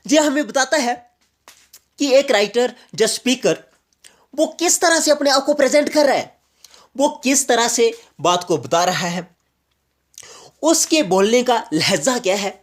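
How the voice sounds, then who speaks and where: A man from Jammu and Kashmir, a teacher giving an explanatory grammar lecture and repeating each point slowly with English examples. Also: very high-pitched, lively intonation.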